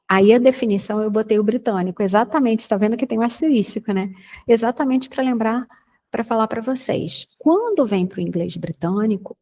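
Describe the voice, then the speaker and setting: A Brazilian woman teaching English in a casual recorded lesson, chatting with students and saying model sentences slowly. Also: mid-range voice, dark tone, low-quality recording. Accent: Brazilian Portuguese. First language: Portuguese.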